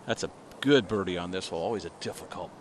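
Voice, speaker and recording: A male golf commentator calls the play shot by shot in a fairly low voice. Noticeable outdoor ambient noise runs behind him. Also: fast talker. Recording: noisy outdoor background.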